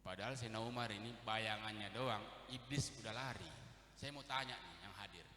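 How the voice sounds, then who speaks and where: A man's voice: lowish voice, brisk, sharp tone, a little hiss or hum. A man giving a humorous sermon, teasing and quizzing the audience. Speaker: preacher. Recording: echoey hall.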